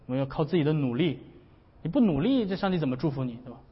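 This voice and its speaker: A man putting on a grumbling, exasperated old man, childless and blunt, pitched a bit high. The voice sounds dull, with a long hall reverb trailing after it. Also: lively intonation, racing, breathy edge. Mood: self-assured. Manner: grumbling, colloquial.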